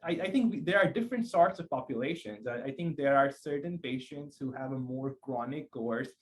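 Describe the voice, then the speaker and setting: A man from Pakistan talks as a psychiatrist guest in a relaxed interview, weighing his words with many small restarts. His voice sits in a middle pitch. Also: a little fast, rough recording. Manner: thoughtful, many restarts and fillers. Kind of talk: conversational interview.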